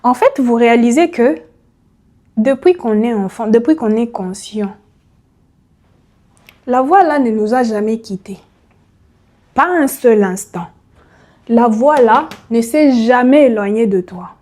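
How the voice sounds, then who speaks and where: Woman preaching, lots of rhetorical questions, talks right to you, warm mellow voice. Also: a little high, animated, unhurried, pauses often. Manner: rhetorical questions, addresses listener directly. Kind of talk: motivational sermon.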